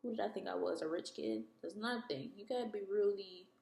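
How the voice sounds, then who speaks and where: A woman's voice: mid-range voice, brisk, vocal fry, a little mellow. A woman in her twenties telling a candid, chatty story about her own life in a casual vlog, laughing between phrases. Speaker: vlogger. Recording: roomy echo.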